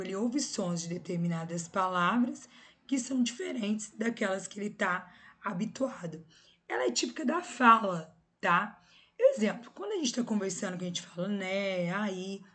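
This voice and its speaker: A woman's voice: medium pitch, fairly bright tone. A woman with a Brazilian Portuguese accent teaches a recorded grammar lesson. She explains patiently, step by step, and checks in with her students through short tag questions.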